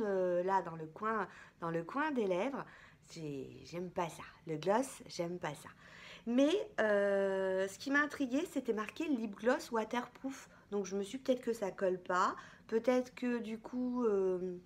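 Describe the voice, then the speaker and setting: A woman beauty vlogger chatting casually through a product haul, chatty and hesitant, with many fillers. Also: mid-range voice.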